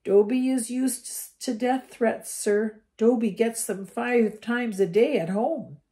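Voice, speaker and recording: A woman's voice: slow pace, mellow. A woman voicing a small, anxious male house elf who pleads and often drops to a whisper. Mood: meek. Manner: squeaky, pleading, sometimes whispering.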